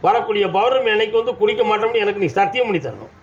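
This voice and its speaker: A high-pitched male voice races through commanding, scolding replies to devotees, spoken as the deity of a village temple. He is from Tamil Nadu and has a southern Tamil accent, and this is trance oracle speech. The recording sounds dull, with faint background noise.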